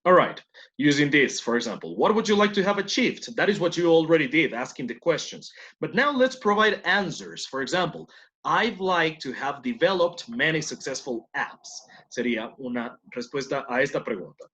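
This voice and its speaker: A man's voice: fairly high pitch, big pitch swings, moderate pace, a bit bright. A man teaching English to Spanish speakers, mixing both languages and praising students often. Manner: encouraging, repeats praise, switches between Spanish and English. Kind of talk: bilingual classroom instruction. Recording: muffled lo-fi classroom audio.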